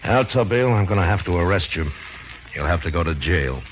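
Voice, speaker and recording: A firm western lawman with a very deep voice, speaking tersely and with measured authority. It is old western drama, heard through a dull, lo-fi recording with faint noise. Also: animated. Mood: reluctant, calm. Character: firm, fair-minded western marshal, a lawman. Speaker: actor.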